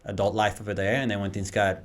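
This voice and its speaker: A man's voice: on the low side, little pitch movement, quick pace. A man from Venezuela whose first language is Spanish, a real estate agent talking earnestly as a guest in a casual interview, often repeating words as he explains.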